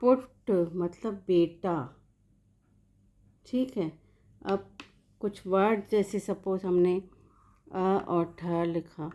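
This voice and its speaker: Slow, patient woman teaching a lesson. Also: mid-range voice, steady tone, mellow. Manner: patient, explains word by word with meanings. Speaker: language teacher.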